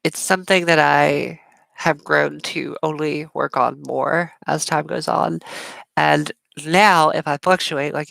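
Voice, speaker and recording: A woman's voice: sits low, vocal fry, fairly bright tone, no echo. A woman hosting a casual live Q&A stream, talking chattily with frequent fillers, smiling as she speaks, with strongly sibilant S sounds. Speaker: livestream host.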